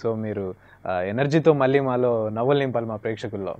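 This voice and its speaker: Male host, encouraging, smooth voice, dry dull recording. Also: medium pitch, brisk, no echo. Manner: encouraging, frequent brief affirmations. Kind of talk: interview hosting. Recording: dry, slightly dull lo-fi sound.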